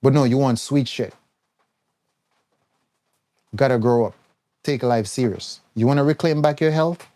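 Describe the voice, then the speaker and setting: A man's voice: medium pitch, unhurried, pauses often, warm tone. A man giving a blunt, scolding health talk on a live stream, mimicking the people he quotes. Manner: mimics others in quoted voices. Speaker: herbal health coach.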